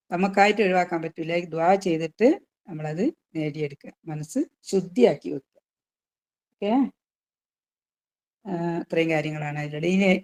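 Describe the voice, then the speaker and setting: Woman, recitation teacher, patient, asks questions, slightly low voice. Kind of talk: online tajweed class.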